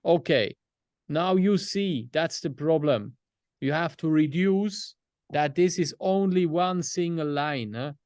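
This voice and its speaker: A man's voice: a little high, slow, darkish tone, dry recording, clean studio sound. A man from Switzerland, a client giving direct, step-by-step feedback on a video call. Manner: direct, gives step-by-step instructions.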